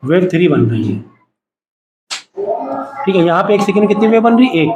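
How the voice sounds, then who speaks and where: Over some background noise, a very animated man with a high voice teaches science a little fast. He keeps questioning his classroom of students in call-and-response fashion, getting them to repeat terms back to him.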